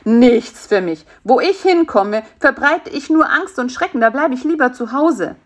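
A woman's voice: high voice, expressive, a little slow, pitched above the performer's own voice. A woman voicing a fat, lazy male spider who acts the know-it-all but is timid at heart, in a storybook reading. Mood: anxious. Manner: sleepy, smug, fretful. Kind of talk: storybook character voice.

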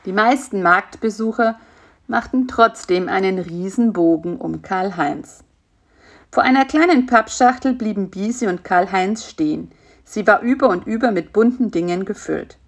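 A woman narrating a children's storybook in an even, gentle reading voice. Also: mid-range voice, moderate pace.

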